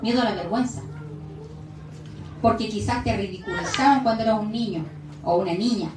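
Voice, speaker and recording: A woman's voice: medium pitch, a little fast, noisy background. A woman pastor preaching a sermon, emphatic and asking the congregation direct questions. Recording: echoey room from a distance.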